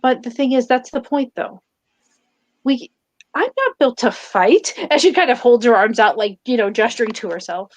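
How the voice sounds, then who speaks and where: High-voiced woman playing a tabletop character. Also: steady tone, no echo. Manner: halting, many restarts and fillers, switching between narrating and speaking in character. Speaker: player in a tabletop role-play. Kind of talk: in-character tabletop role-play chat.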